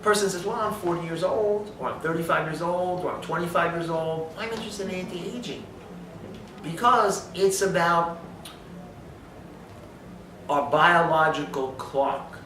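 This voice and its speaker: A man's voice: on the high side, measured pace, noisy background. A man giving an emphatic health talk, lecturing and asking rhetorical questions. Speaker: speaker on supplementation. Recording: echoey room from far off.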